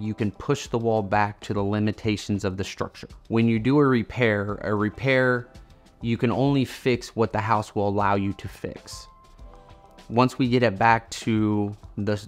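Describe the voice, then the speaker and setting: Low flat-voiced Midwestern man explaining. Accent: Midwestern American. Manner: plain-spoken, repeats words when restarting. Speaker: foundation repair expert. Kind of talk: explaining in an interview. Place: indoor office with whiteboard.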